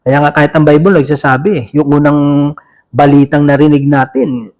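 A man's voice: fairly high pitch, fairly even intonation, fairly quick, a little mellow. A man preaching a sermon in a casual, conversational way, often turning to the listeners with a question. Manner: many restarts and fillers, chatty and informal.

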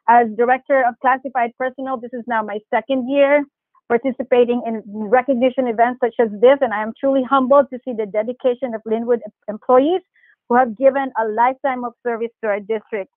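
High-voiced woman on a tinny phone line. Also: no room sound. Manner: measured, formal, occasional stumbles on names. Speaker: director of classified personnel. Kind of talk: formal ceremonial reading of names. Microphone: phone call.

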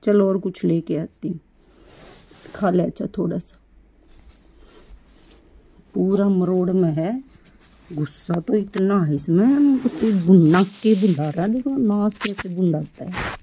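A middle-aged woman talking baby talk to her pet rabbit, coaxing and doting in a sing-song way with soft laughs. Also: on the low side, slow, long pauses, slightly rough. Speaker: pet vlogger caring for rescued animals.

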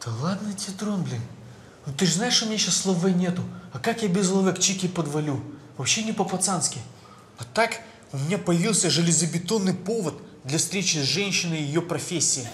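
Dopey, highish-voiced cartoon street lad. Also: male voice, lively intonation, a little fast, roomy sound, a little hiss or hum. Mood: smitten, breezy. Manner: slangy, naive, breezy. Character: dopey, carefree young street lad, lovestruck and naive. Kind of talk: animated comedy dialogue.

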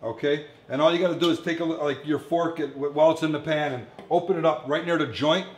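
Kitchen clatter and background noise fill an echoey, commercial-style indoor kitchen as a fiftyish male chef chats casually with viewers at home during his cooking show. His voice is fairly high and steady in tone, moving a touch fast.

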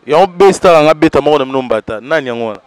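A man, the interviewer in a casual chat. He puts quick, teasing questions to his guest. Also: a little high, lively intonation, dry recording.

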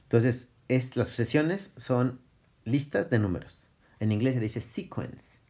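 A man's voice: medium pitch, lively intonation, unhurried, mellow, slightly rough. A middle-aged man, giving a casual recorded math lesson, thinking aloud and correcting himself as he goes. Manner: casual, self-correcting, thinks aloud, chuckles at his slips. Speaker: math teacher. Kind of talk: recorded classroom lecture.

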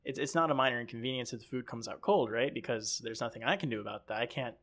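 A man's voice: medium pitch, fast talker, fairly bright tone. A man co-hosting a podcast in casual chat, rambling and acting out quoted people as he tells stories. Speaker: podcast co-host.

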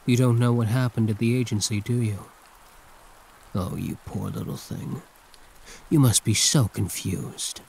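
A man's voice: mid-range voice, a little slow, creaky, pauses often, a little mellow, a little hiss or hum, rough recording. Man playing a theatrical, possessive villain ex-hero. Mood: condescending pity. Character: male ex-hero turned villain, possessive, condescending yet protective. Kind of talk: intimate ASMR roleplay monologue.

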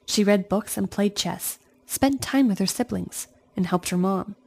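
A woman reading a children's storybook aloud in an expressive storytelling manner, speaking to young listeners. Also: medium pitch, a little slow, vocal fry. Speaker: storybook reader.

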